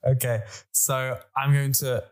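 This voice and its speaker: A man hosts a casual podcast, playfully steering questions and games. His voice sits at an ordinary middle pitch. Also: flat delivery, takes it slowly, slight background noise. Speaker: podcast host. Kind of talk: casual chat.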